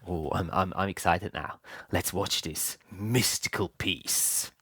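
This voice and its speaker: A man's voice: low-pitched, slow pace. A man reviewing videos, chatting casually and playfully before watching. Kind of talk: casual reaction chat.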